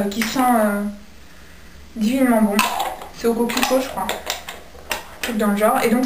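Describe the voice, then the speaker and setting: A woman's voice: a little high, background noise. A young woman casually reviewing her skincare products, chatty and full of hesitations. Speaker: beauty vlogger. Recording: echoey room, mic at a distance.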